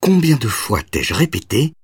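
A man's voice: on the low side, sing-song, brisk, husky, no echo, studio quality, recorded from a distance, voice pushed up. A man voicing a tired single father, firm and a bit exasperated, in an audiobook reading. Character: weary single father, stern but tender.

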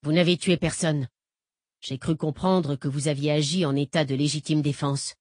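A woman's voice: low-pitched, fairly even intonation, moderate pace, darkish tone, dry recording, studio quality. A woman reading the part of a defiant male lawyer held captive, blustering and cursing. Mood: sneering. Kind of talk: audiobook character reading.

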